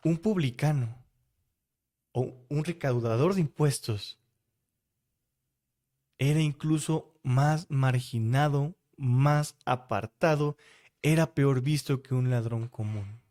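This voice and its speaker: A man's voice: mid-range voice, slow, pauses often, warm tone. A man with a Mexican Spanish accent preaching a devotional sermon, speaking straight to the listener and posing rhetorical questions.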